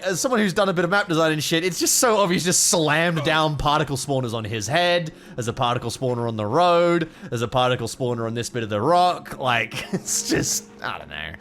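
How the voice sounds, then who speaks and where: A man's voice: medium pitch, a bit bright. A man giving casual, sweary gameplay commentary as a streamer, rambling through his opinions. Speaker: video game streamer.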